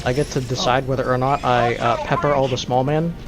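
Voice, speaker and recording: A man's voice: mid-range voice, steady tone, brisk, over music. A young man streaming a game, chatting casually and joking with playful wordplay. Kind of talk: casual gaming chat.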